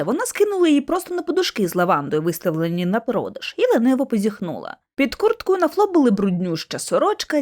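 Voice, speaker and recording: A woman narrating a bedtime audiobook in an animated, expressive reading voice. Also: medium pitch.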